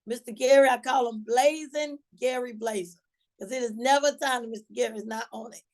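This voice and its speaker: A woman with a slightly high voice and a Georgia Southern accent hosts a motivational call for her sales team. She talks in a folksy, colloquial way, encouraging the group like a team leader. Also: fairly quick, darkish tone. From Georgia, USA.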